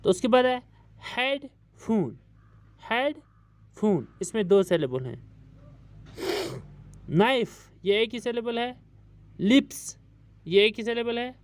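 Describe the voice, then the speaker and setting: A man's voice: very high voice, measured pace, long pauses. A male English teacher giving a recorded lesson to schoolchildren, patiently repeating each word several times and stretching it out. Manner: patient, addresses pupils as dear children. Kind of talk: recorded online classroom lesson.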